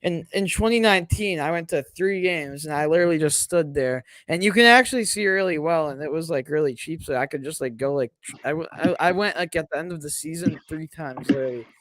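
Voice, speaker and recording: A young man co-hosting a podcast, chatting casually and calling the game at a watch party, rambling and excitable. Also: fairly high pitch, a little fast, hardly any pauses, slight background noise. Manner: rambling, excitable, lots of fillers and laughs. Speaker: podcast co-host and Cubs fan. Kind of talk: casual play-by-play chat during a watch party.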